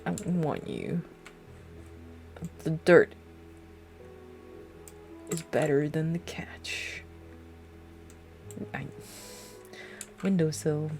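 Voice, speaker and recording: A young woman talks her way through a game on a desk mic, rambling and poking fun at herself with frequent laughs. Her pace is unhurried. Soft music sits faintly underneath. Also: low-pitched, vocal fry. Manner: rambling, self-mocking, laughs often. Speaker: streamer. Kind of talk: casual gameplay commentary.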